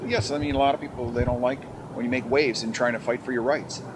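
A man fighting a foreclosure, speaking earnestly and plainly about his case, at an ordinary pitch. He is recorded outdoors with clear street and traffic noise behind him. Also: fairly even intonation, quick pace. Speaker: homeowner facing foreclosure.

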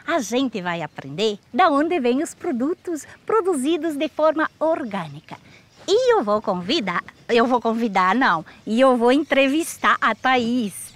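A woman playing Fiorella, a chatty clown cook in a nonna costume, hosting a comic farm interview outdoors. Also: on the high side. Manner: bubbly, rambling, sing-song questions. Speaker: show host in character.

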